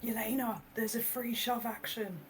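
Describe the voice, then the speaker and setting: A woman's voice: on the high side, steady tone, normal speed. Woman playing a tabletop game, music behind. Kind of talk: casual game chat. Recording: music clearly audible behind.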